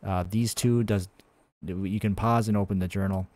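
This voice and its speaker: A man's voice: fairly low pitch, fairly even intonation, normal speed, darkish tone, no echo. A man streaming his game development, thinking aloud in a rambling, casual way with many fillers and restarts while answering chat. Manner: answers chat messages between coding steps.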